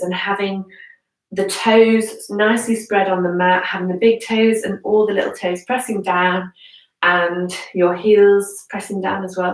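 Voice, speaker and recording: A female yoga instructor with a mid-range voice and a slightly stuffy, congested nose leads a live guided class. She gives measured cues, pausing between them, and drops in casual conversational asides. The recording is roomy and echoey, with her positioned away from the mic.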